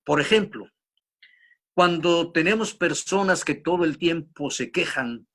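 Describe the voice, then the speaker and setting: A middle-aged man hosting a radio show on business leadership, telling a parable and acting out shouts and echoes. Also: a little high, measured pace. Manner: storytelling, acts out shouts and echoes. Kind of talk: motivational business talk with a told parable.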